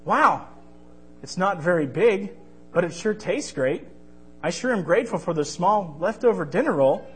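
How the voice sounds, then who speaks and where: A wide-eyed young boy from a storybook, whiny when he is hungry and bouncy when he is happy, speaking in a raised voice, as a man acts him out. Soft music sits behind. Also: sits high, expressive, normal speed. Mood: eager.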